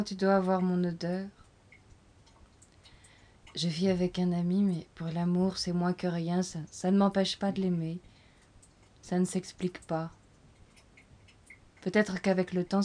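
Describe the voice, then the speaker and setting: An actress playing a frank, restless young woman who talks softly and confidingly to a lover in a film scene. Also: fairly low pitch, lightly acted. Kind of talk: intimate film dialogue.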